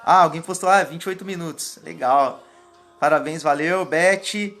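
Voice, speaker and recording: High-voiced man chatting on a live stream. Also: moderate pace, a bit bright. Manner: casual, rambling, thanks viewers by name. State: sweating. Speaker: public speaking coach. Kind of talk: live stream chat, reading viewer comments. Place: indoors, warm room.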